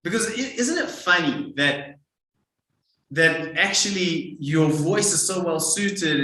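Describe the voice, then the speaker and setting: A man hosting a podcast interview, talking in a rambling, halting way with many fillers. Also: on the high side, fairly bright tone. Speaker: podcast host. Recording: roomy echo.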